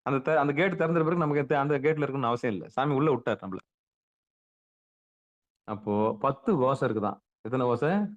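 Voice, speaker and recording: A man delivers a spiritual discourse in an everyday, conversational way. He keeps posing rhetorical questions and answering them, and he repeats words to press his point. The recording is dull and lo-fi, and his voice sits at a middling pitch. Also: moderate pace, long pauses. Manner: emphatic, repeats words for stress. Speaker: spiritual teacher.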